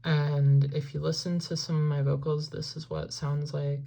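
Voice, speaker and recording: A woman musician rambles through a casual tutorial on how she produces her vocals, full of "like" and "um" and apologizing for not making sense. Her voice is low and warm with vocal fry, barely moving in pitch at a moderate pace.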